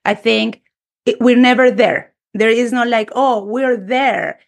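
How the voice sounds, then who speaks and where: Woman host, fairly high voice, lively and gushing, talking over a video call. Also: a little slow, gravelly. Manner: enthusiastic, expressive. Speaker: podcast host. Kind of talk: casual interview chat.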